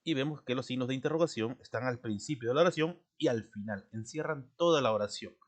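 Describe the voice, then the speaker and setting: A middle-aged man teaching a spelling lesson, speaking slowly and repetitively, often checking in with his students and clearing his throat. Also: mid-range voice. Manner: slow, repetitive, checks in with "¿no?" and "¿de acuerdo?".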